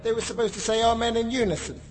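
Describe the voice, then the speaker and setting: A man's voice: extremely high pitch, level tone, quick pace, roomy sound, long reverb tail, far from the mic, over music. A man voicing a pompous, bombastic tyrant leader who proclaims himself God, in a comedy audio sketch. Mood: annoyed.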